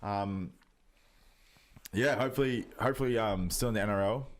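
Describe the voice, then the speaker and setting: A man's voice: fairly low pitch, normal speed. A young Australian man in his twenties chatting casually on a podcast, rambling with lots of fillers and swearing. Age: 20s. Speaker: podcast co-host, rugby league player. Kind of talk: casual chat.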